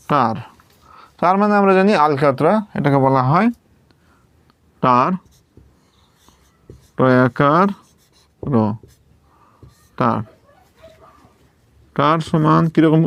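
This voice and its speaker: A man's voice: a little high, clear, resonant tone, no echo. A man teaching English pronunciation, patiently spelling out each sound step by step and checking that his students follow. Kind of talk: slow step-by-step lesson at a writing board.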